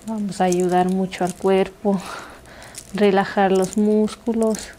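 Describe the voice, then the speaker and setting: Slow, hushed, intimate young woman, near whisper. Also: medium pitch, flat delivery, slight background noise. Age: young adult. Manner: hushed, intimate, soothing soft-spoken delivery, dropping into whispers. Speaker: massage practitioner. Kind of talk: ASMR massage narration. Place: small living room, indoors.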